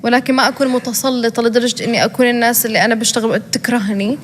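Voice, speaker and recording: A young woman with a Jordanian accent, a guest chatting casually in an interview, talking quickly with many fillers and restarts. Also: on the high side, flat delivery, slight background noise. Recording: hall reverb.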